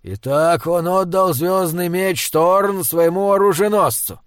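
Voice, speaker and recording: A man's voice: sits high, measured pace, no echo, studio quality, voice pushed up. A man voicing a blunt, impatient older duke. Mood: pressing.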